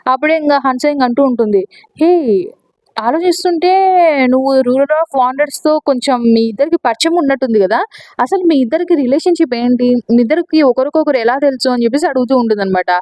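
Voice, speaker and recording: A woman with a Telugu accent talks through a comic story at a fast clip, retelling each character's words in her own casual voice and slipping English words in. Her voice sits high, and the sound is dry and close. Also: darkish tone, dry recording, low-quality recording. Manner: quick, chatty retelling with English words mixed in. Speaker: manhwa recap narrator. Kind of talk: casual spoken recap narration.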